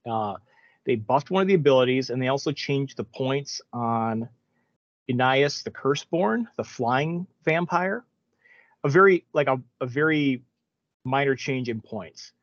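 A man's voice: mid-range voice, lively intonation, a little slow, dry recording, muffled recording. A man co-hosting a gaming podcast, talking casually and rambling with many restarts. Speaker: podcast co-host. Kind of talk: casual chat.

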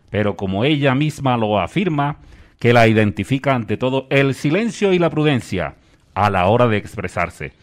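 A young man, delivering a mock news report in a lively reporter manner. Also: mid-range voice. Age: young adult.

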